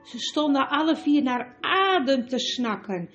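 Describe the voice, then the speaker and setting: A woman narrates a storybook in a calm, even tone. Her voice is high. The recording is dull, with music playing behind her. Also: a little slow.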